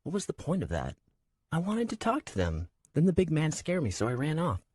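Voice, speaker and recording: Brief: a man playing a shy, moody young woman in a fantasy audiobook; higher, soft and timid, a sing-song lilt. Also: wildly swooping pitch, brisk, husky, dry recording, clean studio sound, full character voice. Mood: plaintive. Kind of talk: audiobook character voice.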